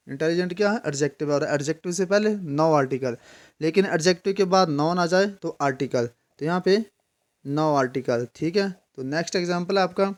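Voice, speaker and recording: This male speaker, whose pitch runs on the high side, teaches grammar informally, echoing each question he poses before he answers it and peppering his talk with English terminology.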